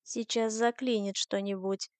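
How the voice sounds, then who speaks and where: Woman voicing a teasing, gentle young man. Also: mid-range voice, little pitch movement, a little slow, no room sound, natural voice.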